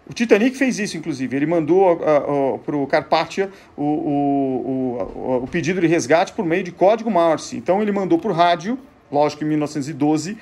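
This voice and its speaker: His voice is a little high, expressive and slightly mellow, and he speaks briskly without many pauses. The man, who has a Brazilian Portuguese accent, hosts a show on vintage gadgets, teaching casually through a demonstration in which he poses and answers his own questions.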